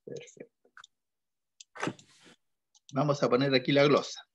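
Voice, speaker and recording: A man's voice: medium pitch, flat delivery, slow pace, highs cut off, slight background noise. A male accounting teacher leading an online class, patiently quizzing students step by step. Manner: questioning students, patient and methodical.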